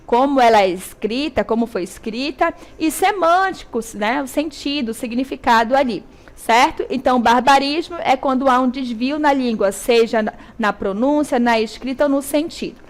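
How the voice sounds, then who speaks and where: A woman with a Brazilian Portuguese accent teaching a televised school lesson, checking in with her students often and slowly stressing syllables. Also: high-pitched. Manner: didactic, checks in with "tá?" and "certo?".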